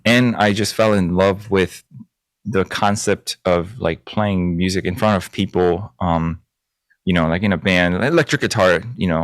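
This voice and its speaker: A man, a guest chatting casually in an interview and often pausing on fillers. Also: low-pitched, dry recording, studio quality. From South Korea. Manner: hesitant, many fillers and restarts, animated when recounting. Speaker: guest guitarist and music producer.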